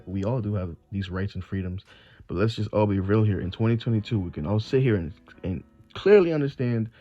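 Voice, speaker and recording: Young man, lowish mellow voice, earnest and preachy, dull lo-fi recording over faint music. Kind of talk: casual religious monologue.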